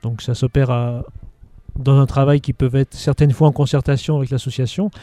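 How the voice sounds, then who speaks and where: Hesitant man with a dark, dry voice. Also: mid-range voice, fairly even intonation, normal speed, no echo. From Haute-Savoie, France. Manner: hesitant, many restarts and fillers. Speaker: local government official managing outdoor sites. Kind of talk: interview answers.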